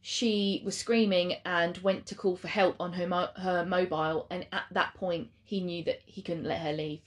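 A woman's voice: fairly low pitch, steady tone, normal speed. A woman co-hosting a true-crime podcast, talking casually and trailing off with fillers. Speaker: podcast co-host.

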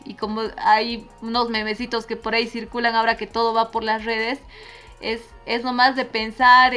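Here is a Bolivian woman hosting a relaxed talk show. She has a higher pitch and a bright, clear voice. She talks in a reflective, rambling way with plenty of fillers. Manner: reflective and warm, with many fillers. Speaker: host. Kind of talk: casual chat.

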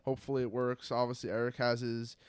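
A young man co-hosting a casual sports podcast, talking in a rambling, fairly monotone way with lots of fillers. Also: medium pitch, quick pace, clean tone. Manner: rambling, self-described monotone delivery with many fillers. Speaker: podcast co-host.

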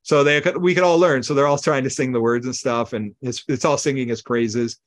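A man co-hosting a podcast, retelling old comedy sketches in an animated way and acting out lines with gasps and laughs. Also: mid-range voice, fairly quick. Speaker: podcast co-host. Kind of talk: casual chat recapping old comedy sketches.

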